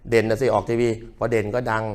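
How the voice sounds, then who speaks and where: A man's voice: lowish voice, little pitch movement, quick pace. A man, a Buddhist monk, gives a humorous sermon to a live audience, telling jokes and leading call-and-response. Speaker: Buddhist monk giving a dharma talk. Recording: long hall reverb.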